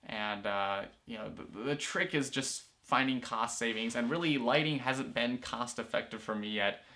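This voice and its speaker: Speaking at a normal speed with a sharp tone and medium pitch, this teen student filmmaker and vlogger chats casually to camera. He rambles, full of fillers and restarts, while tucked into the corner of a small room indoors.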